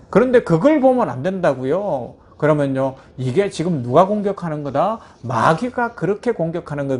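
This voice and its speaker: A male pastor delivering a morning devotional sermon. His voice sits high, and he preaches in an animated way, throwing rhetorical questions at his listeners.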